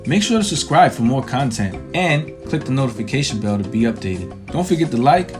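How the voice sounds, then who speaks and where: A man with an everyday mid-pitched voice hosting his own toy review vlog. He stays upbeat and pokes fun at himself, and music plays clearly underneath. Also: very animated, fairly quick. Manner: upbeat and self-mocking, chatty asides. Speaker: toy review channel host. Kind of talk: casual vlog talk.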